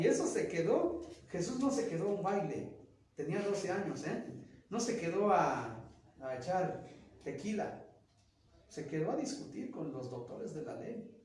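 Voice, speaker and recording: A man with a Mexican Spanish accent lectures students, his voice high and full of swings as he acts out quoted lines. He is picked up from far across an echoing room, with a faint hiss behind him. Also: a little mellow. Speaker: teacher. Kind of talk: classroom lecture.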